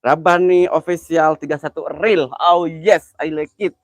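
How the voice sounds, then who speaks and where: Guy w/ twang live streaming a ghost hunt, kinda high voice, dry close phone mic, nervous and chatty. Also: fairly even intonation, unhurried, no echo. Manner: jumpy, chatty, greets viewers by name, nervous exclamations. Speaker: livestream host. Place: outdoors at night near an old well.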